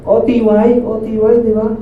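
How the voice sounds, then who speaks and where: A man's voice: high-pitched, monotone, normal speed. A man preaching a sermon at a church service in a conversational way, often asking the listeners to agree. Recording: echoey distant phone-like sound.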